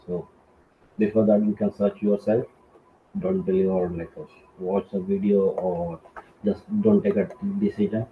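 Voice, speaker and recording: A man with an Indian accent giving casual advice as a video-call guest, in halting, repetitive English. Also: low voice, level tone. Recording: dull, noisy video call audio.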